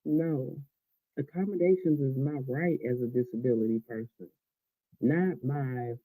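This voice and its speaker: A man's voice: mid-range voice, unhurried, no echo, phone-quality sound. An American man in a casual, rambling vlog monologue, talking with his mouth full, colloquial and unguarded, often trailing off. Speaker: vlogger.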